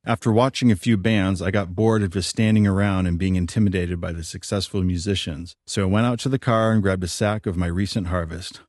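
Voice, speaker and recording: A man's voice: low voice, fairly even intonation, brisk, few pauses, darkish tone, no echo, studio quality. A man narrating his own memoir in a plain, reflective storytelling manner.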